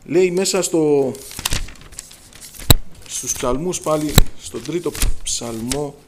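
A middle-aged man preaches a fervent Pentecostal sermon. His voice sits high, and he lifts it strongly when he quotes scripture or calls out to his congregation. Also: heavy background noise. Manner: fervent, preacher's call-and-response, raises voice on scripture.

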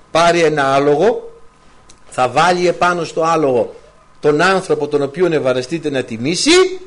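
A man preaching a sermon to his congregation, full of rhetorical questions and quoted scripture. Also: fairly high pitch.

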